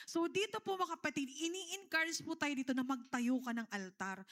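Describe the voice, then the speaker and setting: High bright Filipino woman pastor preaching. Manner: preaching in mixed Tagalog and English, with repeated calls to the congregation. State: tearful. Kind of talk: sermon.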